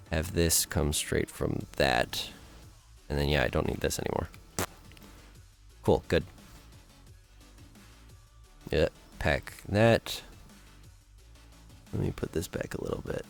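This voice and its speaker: A man streaming live, chatting casually with viewers and thinking aloud as he builds. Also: sits low.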